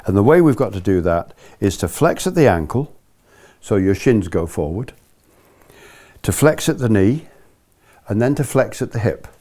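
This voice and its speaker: A man's voice: fairly low pitch, sing-song, moderate pace, warm tone. An older man giving a hands-on lesson to a small group as a ski instructor, explaining patiently and methodically and repeating key points. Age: older, about 70s. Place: living room, indoors.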